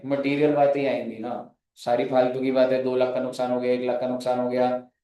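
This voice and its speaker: A man's voice: medium pitch, monotone, a little fast, warm tone, far from the mic. Indian man teaching accounts in an echoey classroom. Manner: mixes Hindi and English, jokes with students. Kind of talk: classroom lecture. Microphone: phone.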